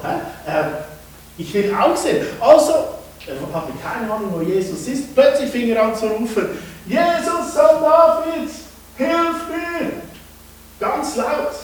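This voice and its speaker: A man preaching to children at a family service, telling a Bible story with lively acted-out voices. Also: sits high, slight background noise. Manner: animated storytelling, acting out shouts and hushes. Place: church. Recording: echoey church from far off.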